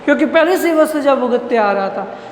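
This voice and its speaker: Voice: sits high, lively intonation, fairly quick, slight background noise. College teacher, reads a line then explains it, echoey room, long reverb. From Rajasthan, India. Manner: reads a line, then restates it in plain words. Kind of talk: reading and explaining a Hindi story line by line.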